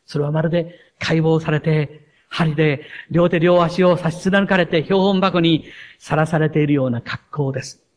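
A pastor giving a sermon, reading a story aloud in an earnest, measured way. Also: male voice, a little high, fairly even intonation.

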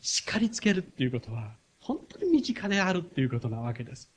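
A man preaching a sermon, firing rhetorical questions at the congregation and swinging from loud emphatic passages to soft, confiding asides. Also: medium pitch, big pitch swings, quick pace, slight background noise.

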